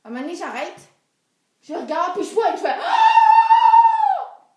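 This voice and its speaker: A young woman performing a comic monologue, animated, swinging from hushed asides to excited cries. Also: high voice, fast, far from the mic, loud music behind the voice. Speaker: storyteller. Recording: roomy echo.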